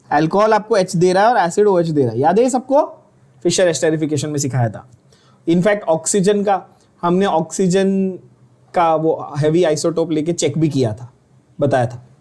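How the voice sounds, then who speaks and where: A man's voice: sits high, darkish tone. A man with an Indian accent giving an online chemistry lecture, often asking students questions and repeating key terms with teasing scolding. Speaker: chemistry teacher.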